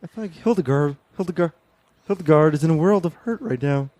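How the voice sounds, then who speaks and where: A man's voice: a little high, animated, brisk, dark tone. A man in an improvised comedy scene, talking earnestly and rambling with many restarts.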